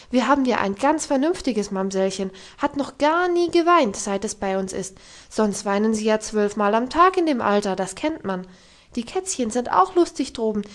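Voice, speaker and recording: A woman voicing a cheerful, kindly male servant in an audiobook, jolly and reassuring. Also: on the high side. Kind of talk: audiobook reading.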